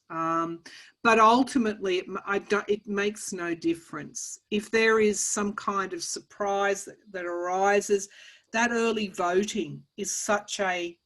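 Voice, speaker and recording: An Australian woman hosts a relaxed spiritual conversation. She talks in a halting way, restarting her sentences and leaning on fillers as she gathers her thoughts. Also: mid-range voice. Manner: hesitant, many restarts and fillers. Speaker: tarot channel host. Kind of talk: casual conversation.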